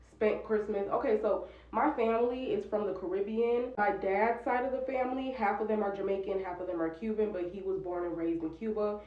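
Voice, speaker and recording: A woman's voice: medium pitch, recorded from a distance. A woman in her twenties telling a personal story in candid, casual chat, full of "like" fillers. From United States. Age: 20s. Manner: candid, chatty, many "like" fillers. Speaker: vlogger. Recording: roomy dull sound from off-mic.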